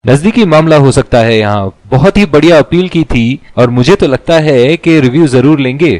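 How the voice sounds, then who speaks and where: A man giving excited cricket commentary as a commentator, exclamatory and full of admiration. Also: a little high, normal speed, no echo, close to an everyday voice.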